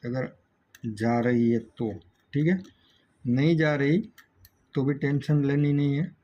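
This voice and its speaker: An auto electrical repair instructor, a man with an Indian accent, delivers a hands-on tutorial step by step, often checking on the learner. His medium-pitched voice is mellow and steady, and he speaks slowly. The recording is dull lo-fi with faint background noise.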